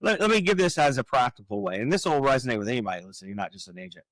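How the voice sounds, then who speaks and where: A man in his forties, a real estate coach talking on a podcast, explaining his framework with energetic rhetorical questions. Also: mid-range voice, racing, no room sound, low-quality recording. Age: 40s. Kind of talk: casual podcast talk.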